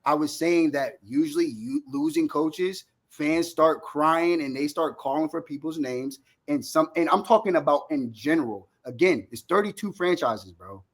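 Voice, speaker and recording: Higher-pitched man in a heated sports debate. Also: expressive, moderate pace, few pauses. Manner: argumentative, insistent, interrupting, repeats points, slangy and profane. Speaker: sports fan debater, Cowboys supporter.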